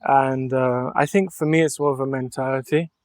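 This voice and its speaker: There's no room sound on this recording of a young adult artist from Mallorca, Spain, talking on a podcast. In a relaxed interview, he speaks at a moderate pace with medium pitch and fairly even intonation, musing earnestly in long, flowing sentences.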